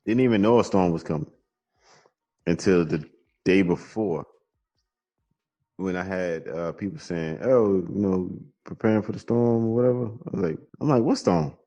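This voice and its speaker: Podcast co-host, 30s, New Orleans man, very deep voice, rambling casual talk. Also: normal speed, pauses often, dark tone, highs cut off. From New Orleans, USA. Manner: laid-back, rambling, lots of "you know". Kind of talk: casual chat. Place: garage.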